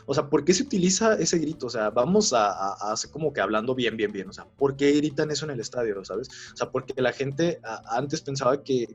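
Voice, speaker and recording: A man's voice: mid-range voice, expressive, a little fast, few pauses, breathy edge. A young man with a Mexican accent co-hosting a podcast, rambling in slangy casual chat with many fillers. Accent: Mexican Spanish. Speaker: podcast co-host. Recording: slightly dull sound with faint music.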